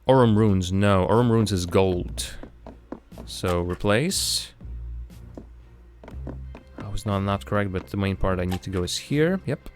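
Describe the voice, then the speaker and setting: Man chatting casually over game music. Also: lowish voice. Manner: halting, thinking aloud, self-deprecating. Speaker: host of a game playthrough stream.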